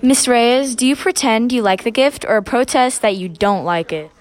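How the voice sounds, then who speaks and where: A young female student host with a fairly high voice asks rapid-fire questions. She delivers short scripted lines in the manner of a school segment presenter.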